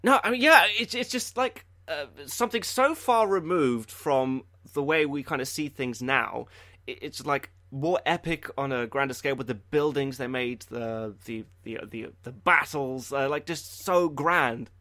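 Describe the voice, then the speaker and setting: A man's voice: medium pitch, unhurried, bright, forceful tone, no room sound. Rambling young man on a podcast. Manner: rambling, stammering, lots of "like" and "you know". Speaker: podcast host. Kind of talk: casual podcast chat.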